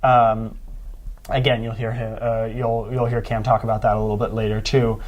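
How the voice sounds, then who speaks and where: A man's voice: lowish voice, level tone, moderate pace, dull audio. A young man hosting a music podcast, talking casually with lots of fillers and restarts. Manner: rambling, many fillers and restarts. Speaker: podcast host.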